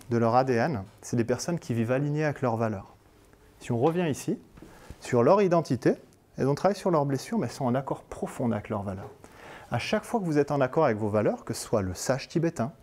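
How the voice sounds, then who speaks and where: A man's voice: medium pitch, darkish tone. A man from Marseille giving a coaching lecture, telling a story in a colloquial, joking way and acting out the dialogue. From Marseille, France. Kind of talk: lively storytelling talk. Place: conference room.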